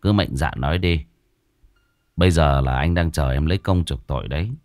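A man voicing a young male shaman who speaks in an unhurried, firm and coaxing way. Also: very deep voice, a little mellow, no room sound, clean studio sound, voice pushed down. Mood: calm firm. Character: calm young male shaman, commanding but kind. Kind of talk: storytelling.

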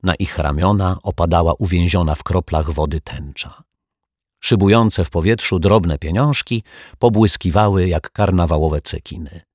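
A man narrating a children's audiobook in a slow, measured storytelling manner. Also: low-pitched, a little mellow, dry recording, studio quality.

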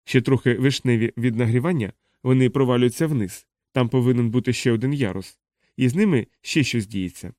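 A man reading as a calm, curious male expedition doctor who explains things steadily in an audiobook. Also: mid-range voice, brisk, dry recording, clean studio sound, natural voice.

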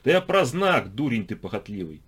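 A man's voice: medium pitch, very animated, fairly quick, a bit bright, breathy edge. A man voicing a knowing, talkative old man in an audiobook, explaining things in a folksy, chatty way. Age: older. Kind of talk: audiobook character voice.

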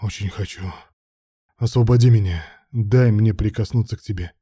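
A pleading adult man in a spoken story, his lines full of strained outbursts, as a male narrator reads him. The voice sits low, with a dark, mellow tone and a dry, close sound. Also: steady tone, a little fast, husky, dry recording.

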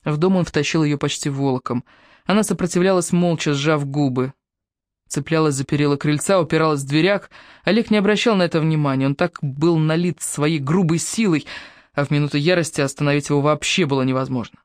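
Audiobook narrator, mid pitch, even storytelling, dry studio. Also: brisk, dry recording. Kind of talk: scripted novel narration.

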